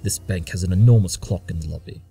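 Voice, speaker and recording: In an audio drama, an actor voices a brilliant, imperious detective who lays out his deductions with smug, impatient condescension. His low, creaky voice moves fast yet stays warm, delivering clipped monologues over soft background music.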